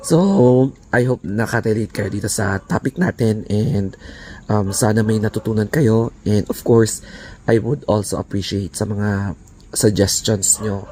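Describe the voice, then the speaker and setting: In a casual vlog, a man chats in Taglish, mixing English words in and letting out breathy laughs between phrases. His voice is hoarse, raspy and croaky, fairly low in pitch with a darkish tone. There's slight background noise.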